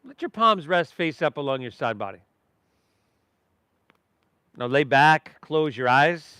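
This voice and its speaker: Male yoga instructor, clear resonant voice on the higher side, dry close sound, easygoing and encouraging. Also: big pitch swings, unhurried, sharp tone, dry recording. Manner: encouraging, easygoing, addresses the class informally. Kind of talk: guided yoga class instruction.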